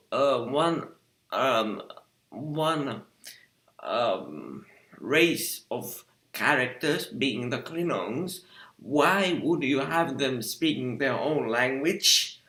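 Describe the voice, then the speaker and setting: A man giving an exasperated review monologue, halting often with fillers and restarts. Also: medium pitch, sharp tone, reverberant. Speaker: video reviewer.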